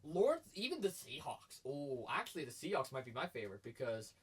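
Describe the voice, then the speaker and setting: A man's voice: mid-range voice, fairly quick, husky. A man co-hosting a sports podcast, chatting casually and getting emphatic and hyped as he argues his points. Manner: energetic and emphatic, gets loud and hyped.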